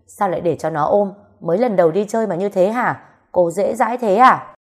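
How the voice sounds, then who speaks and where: A woman's voice: lowish voice, expressive, brisk, darkish tone. A woman voicing a jealous, possessive young man who stubbornly refuses to let go. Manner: pleading and possessive.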